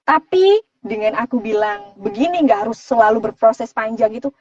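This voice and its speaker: A fairly high-voiced woman voice-over artist talks casually and explains with examples. She sounds set back from the mic in a dry space. The sound is dull and muffled. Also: lively intonation, normal speed, a little mellow, no room sound, recorded from a distance.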